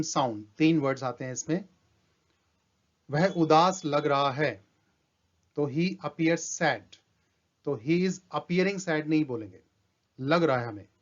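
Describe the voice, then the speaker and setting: Slow-speaking teacher. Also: male voice, fairly high pitch. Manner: slow and deliberate, reads English examples out word by word. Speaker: English teacher. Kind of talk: grammar lesson. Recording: dull lo-fi sound.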